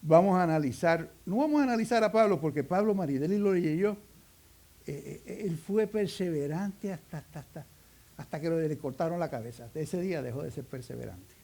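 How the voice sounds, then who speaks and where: A man's voice: on the high side, moderate pace, gravelly, warm tone. Cuban man preaching with folksy humor. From Cuba. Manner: folksy storytelling with humorous asides. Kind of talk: sermon.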